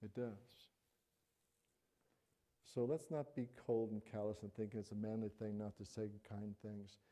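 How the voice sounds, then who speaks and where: A middle-aged man preaching a sermon in a conversational, animated way, acting out little everyday examples. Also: on the low side, measured pace. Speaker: pastor.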